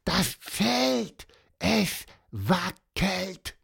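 The narrator of a children's story voicing a small, cheeky and curious bird in a very high, excited voice. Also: extremely slow, vocal fry, slightly rough, full character voice. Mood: excited hush.

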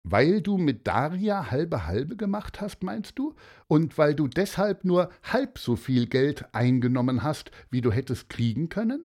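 A proud, warm-hearted father from a storybook, emphatic and booming, as a man reads him aloud. His delivery is slow and deliberate with wide, lively swings in pitch. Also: exaggerated voice.

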